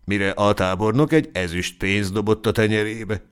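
A man narrating a classic short story for an audiobook, in a measured storytelling manner. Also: lowish voice, steady tone, clear, resonant tone. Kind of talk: scripted narration.

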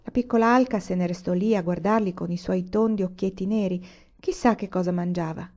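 A woman reading a children's novel aloud in an expressive, deliberate way. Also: lowish voice. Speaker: reader. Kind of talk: storybook read-aloud. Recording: muffled lo-fi recording.

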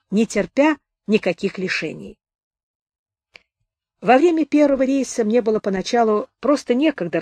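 A woman narrating a memoir audiobook in a calm, even literary reading. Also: a little high, no room sound.

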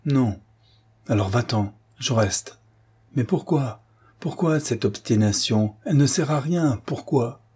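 A man's voice: medium pitch, expressive, takes it slowly, a little mellow, breathy edge, heavily acted. A man reading the part of a young officer, earnest and insistent, in an audiobook. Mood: urgent pleading. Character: young male officer, pleading and urgent.

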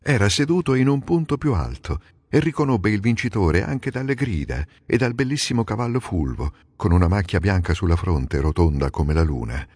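A man reading a classic epic aloud as an audiobook, measured and expressive. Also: lowish voice, slightly rough, dry recording, clean studio sound, long reverb tail. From Italy. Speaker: audiobook narrator. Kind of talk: dramatic audiobook narration.

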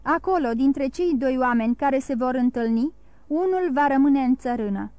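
A woman's voice: high-pitched, expressive, a little mellow, dry recording. A woman reading the part of a proud young nobleman who speaks coldly and accuses. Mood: menacing. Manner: cold, challenging, accusing.

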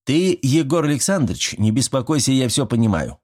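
A man's voice: mid-range voice, sing-song, brisk, a little mellow, voice pushed up. A man voicing a fussy, good-natured old village grandfather who talks in folksy rural speech, sighing and fretting. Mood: fretful. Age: older.

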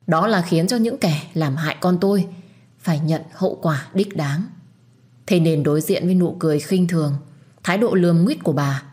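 Calm, low-voiced woman narrating a story. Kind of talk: first-person audio story narration.

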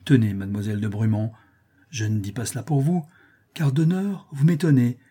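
A man's voice: mid-range voice, steady tone, moderate pace, mellow, slightly rough, natural voice. A man voicing a vain, pompous older count who admires his own verses. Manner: pompous, self-admiring, emphatic.

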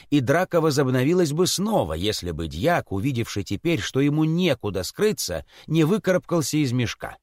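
Expressive male storybook narrator. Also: mid-range voice, no echo, clean studio sound. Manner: expressive, theatrical. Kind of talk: audiobook reading of a classic tale.

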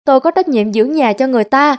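A woman's voice: high-pitched, animated, fast talker. A woman voicing a sly, conniving middle-aged man who talks in a smug, sneering way, close to her own voice.

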